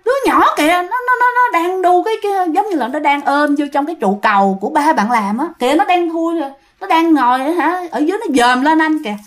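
A panicked young farmer man, as a woman storyteller acts him out, shouts in a high, stammering rush. His Southern Vietnamese accent stays strong as his voice climbs well above the narration. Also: expressive, fast talker, hardly any pauses. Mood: terrified. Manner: frantic shouting, stammering repeats.

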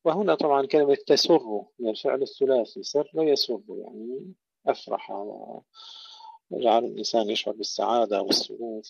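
A man teaching Quran recitation rules, slowly reciting verse examples and then explaining and correcting common mistakes. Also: medium pitch, gravelly, husky, dry recording, lo-fi sound. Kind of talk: tajweed lesson with recited examples.

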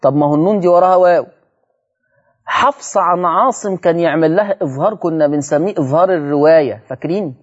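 A man with an Egyptian accent teaching Quran recitation rules on a religious broadcast, repeating words slowly and asking his audience rhetorical questions. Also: a little high, dull audio. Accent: Egyptian Arabic. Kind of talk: televised religious lesson.

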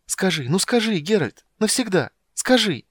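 A man voicing a small, excited young girl who clings and pleads in a high, shrill voice. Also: normal speed, dry recording, studio quality. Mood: excited pleading.

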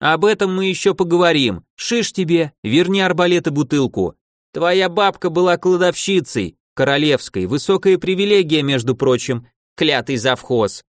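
Man voicing a boisterous old archmage, high bellowing voice, dry close audiobook sound. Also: expressive, normal speed, no echo, natural voice. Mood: indignant. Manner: gleeful, bellowing, wheedling. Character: boisterous old archmage in a child's body, male.

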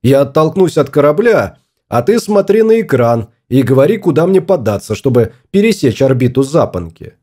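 A man's voice: mid-range voice, big pitch swings, moderate pace, warm tone. A man voicing a stubborn, fussy husband exploring space in an audiobook, grumbling and obstinate.

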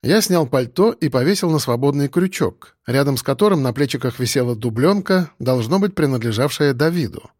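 A man narrating a first-person audiobook in a wry, lively way. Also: mid-range voice, a little fast, hardly any pauses, no echo, clean studio sound.

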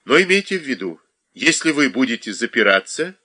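Calm investigator, reassuring, man reading, lively pitch, bright. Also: fairly quick.

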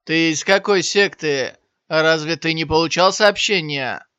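A man voicing an arrogant clan warrior who shouts, his voice cracking high when he begs. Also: measured pace, clear, resonant tone, no room sound. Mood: cold, threatening. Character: arrogant clan warrior, male, turns terrified. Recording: slightly dull, dry lo-fi sound.

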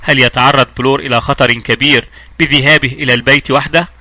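Male narrator voicing a frightened young woman, anxious and wary, bright brisk audiobook voice. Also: medium pitch, fairly even intonation, no echo. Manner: anxious, pleading. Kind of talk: audiobook dialogue reading.

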